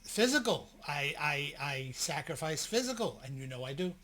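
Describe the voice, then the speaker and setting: Bright-voiced joking middle-aged man. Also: fairly high pitch, sing-song, moderate pace. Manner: reads list points, joking and blunt. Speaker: podcast co-host. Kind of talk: casual couple chat.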